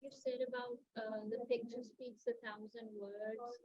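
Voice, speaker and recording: A woman's voice: a little high, little pitch movement, a little slow, mellow, muffled recording. A woman student asking a question in class, hesitant and saying "like" often.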